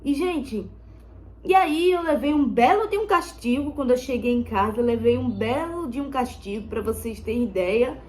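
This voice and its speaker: A high, youthful girl's voice chatting into her phone as she does her makeup. She rambles and circles back to the same points, calling out to her viewers every few lines. The talk is loose and casual, the way a personal vlog sounds. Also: animated, normal speed, a little mellow. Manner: rambling, repeats herself, keeps addressing viewers as "gente". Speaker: vlogger. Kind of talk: casual storytelling while doing makeup.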